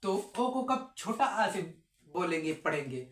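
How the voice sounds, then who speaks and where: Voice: medium pitch, sing-song, measured pace, a bit bright, echoey room, a little hiss or hum. A teacher giving a step-by-step phonics lesson, repeating each sound and answering their own questions.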